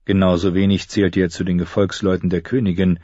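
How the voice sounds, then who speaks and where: A man narrating an audiobook in a steady, measured storytelling manner. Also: low-pitched, no room sound, lo-fi sound. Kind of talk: scripted narration.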